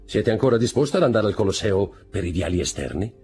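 A man doing a firm young French gentleman. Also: fairly low pitch, expressive, fast, husky, faint music behind, full character voice. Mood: decisive.

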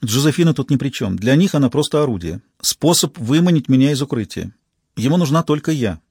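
A weary, secretive middle-aged woman speaks low and measured, guarding every word, as a man reads her. The husky voice sits close and dry on an audiobook track. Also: lively intonation, a little mellow, no room sound. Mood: grave.

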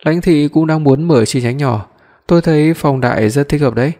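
A man voicing a cold, commanding young executive who speaks calmly and briefly in an audiobook. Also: a little high, normal speed, natural voice. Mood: cool. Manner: calm, cool, clipped. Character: cold, commanding young CEO, tender to his love. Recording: long hall reverb.

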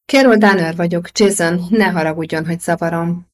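A woman's voice: on the low side, lightly acted. A woman reading an audiobook voices a polite, anxious young female dancer on a phone call.

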